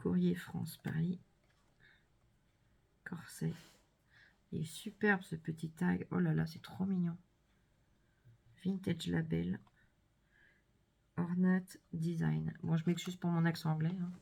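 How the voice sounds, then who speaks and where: A woman vlogger chatting casually and gushing softly as she unboxes crafts, sometimes dropping to a whisper. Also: fairly low pitch, level tone, unhurried, creaky, long pauses, breathy edge. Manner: gushing, soft-spoken, drops to whispers. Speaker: scrapbooking vlogger.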